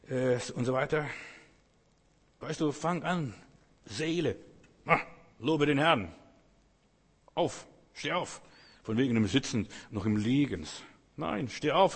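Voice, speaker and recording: A man delivers a fervent sermon, urging his listeners on and addressing them head-on. His voice is husky and sits a little high. It carries a long, lingering reverb, as in a large hall. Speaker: preacher.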